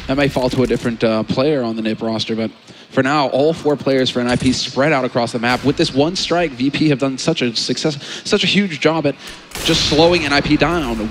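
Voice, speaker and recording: A man working as an esports caster, giving running match commentary and analysis. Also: medium pitch. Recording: faint game noise behind commentary. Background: faint video game ambience.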